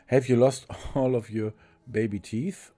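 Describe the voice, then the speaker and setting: A man voicing a worried young girl, the narrator's little sister, reading her lines in a slow, pleading way. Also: mid-range voice, steady tone, dark tone, close to an everyday voice. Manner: anxious, pleading read-aloud lines.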